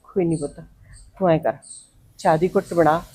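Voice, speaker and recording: A woman's voice: on the low side, fairly even intonation, moderate pace, darkish tone, lightly acted. A middle-aged woman with a Punjabi accent, playing a mother who reassures her daughter in a web series drama. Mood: resolute. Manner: protective, reassuring.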